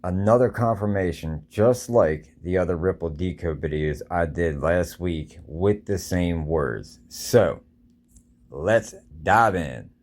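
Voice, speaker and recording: A man's voice: low voice, takes it slowly, darkish tone. A man hosting a show with casual, conspiratorial commentary, insistently repeating his points. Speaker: host of a crypto show.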